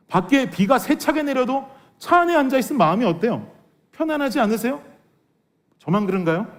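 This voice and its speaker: A man preaching a Korean sermon as pastor, earnest and full of rhetorical questions to the congregation. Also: extremely high pitch. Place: church sanctuary.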